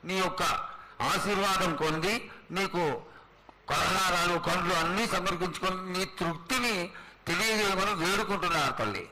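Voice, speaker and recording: A man with a high-pitched voice offers a formal devotional petition. He is reverent and pleading, building long requests phrase by phrase. There is clear ambient noise around him. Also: moderate pace, pushed and bright. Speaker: temple attendant petitioning the oracle. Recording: noisy public ritual ambience.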